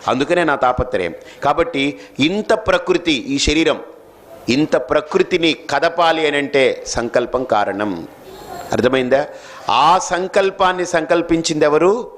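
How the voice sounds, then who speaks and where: A man's voice: fairly high pitch, expressive, a little slow, a bit bright. A man giving a spiritual discourse, who asks his listeners questions and answers them himself, stressing key lines. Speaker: spiritual teacher. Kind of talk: sermon.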